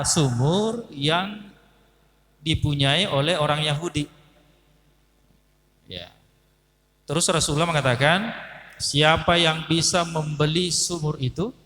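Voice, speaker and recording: Bright-voiced man preaching in a reverberant hall. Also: on the high side. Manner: storytelling, acting out dialogue, addressing audience as Pak. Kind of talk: sermon.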